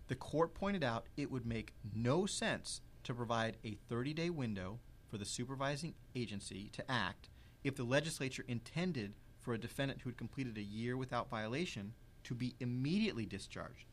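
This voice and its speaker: A man explaining legal rules in an interview, measured and precise, stressing key words. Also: medium pitch, lively intonation, slight background noise. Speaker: legal expert guest.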